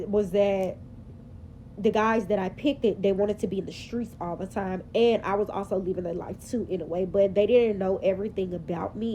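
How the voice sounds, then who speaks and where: Chatty woman with a mellow voice. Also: medium pitch, slight background noise, poor audio. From Memphis, Tennessee, US. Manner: chatty, sassy, rambling with fillers. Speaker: vlogger. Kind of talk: casual confessional vlog. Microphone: phone camera.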